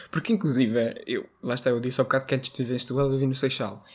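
A man's voice: mid-range voice, fairly even intonation, fast. A young man from northern Portugal co-hosting a casual podcast chat, rambling and correcting himself as he goes. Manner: rambling, self-correcting, laughs often. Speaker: podcast co-host.

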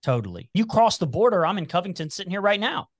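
A man's voice: high voice, fast, no echo, studio quality. Midwestern man with a slight Appalachian twang. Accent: Cincinnati with slight Appalachian twang. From Cincinnati, Ohio, US. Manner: rambling, animated, many restarts. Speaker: podcast guest. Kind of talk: casual podcast chat.

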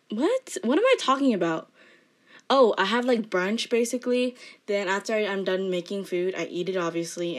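A teenage girl talks through her day in a loose, chatty vlog. Her delivery is mostly even and a little monotone, and she strings thoughts together with constant fillers. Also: mid-range voice. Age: teens. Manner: rambling, filler-heavy talk with frequent "like"; self-described monotone delivery. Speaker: student vlogger. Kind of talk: casual vlog chat.

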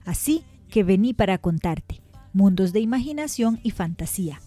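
Mellow woman narrating children's stories. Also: medium pitch, expressive, normal speed, no room sound, faint music behind. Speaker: storyteller host.

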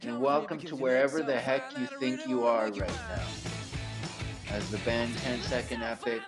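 A man with a gravelly smoker's voice giving a candid, theatrical, rambling personal monologue as a host, in a wordy way. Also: mid-range voice.

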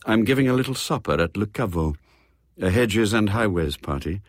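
A quiet, knowing gentleman, as a man voices him, low and softly husky, every word measured and calm. The reading is close and dry, with no room sound. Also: no echo.

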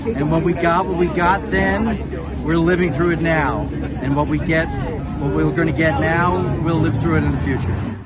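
A man on an outdoor picket line, heard through a low-quality phone video, speaking loudly and slowly with emphatic repeated phrases. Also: fairly even intonation. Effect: low-quality phone video recording. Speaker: striking writer on a picket line. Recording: distant tinny phone video with faint crowd.

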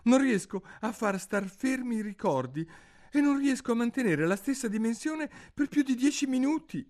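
A man voicing a curious, timid young girl in a storybook reading, speaking in a high, raised girlish voice. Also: big pitch swings, normal speed, darkish tone. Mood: earnest.

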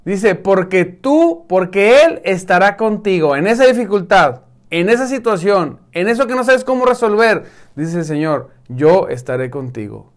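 A male preacher giving a sermon to an online congregation, emphatic, repeating words and dropping to soft, intense tones. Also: high-pitched, sing-song, moderate pace.

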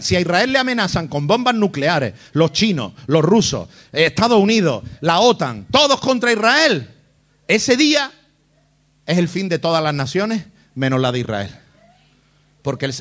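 A man's voice: high voice, fairly bright tone. A male pastor preaching a sermon, hitting hard with rhetorical questions and mocking whiny voices to make his point. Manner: emphatic, fires rhetorical questions at the congregation.

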